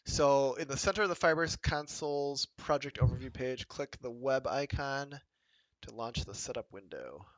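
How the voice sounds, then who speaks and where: A man co-hosting a coding livestream in a casual, halting way with many ums, speaking into a headset mic. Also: medium pitch, expressive, no room sound. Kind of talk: casual live coding chat.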